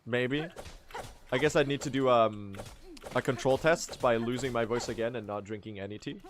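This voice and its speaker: A young man chats casually with his stream while speedrunning, mocking himself and laughing easily. His voice, medium in pitch, is still recovering from strain, and there's slight background noise.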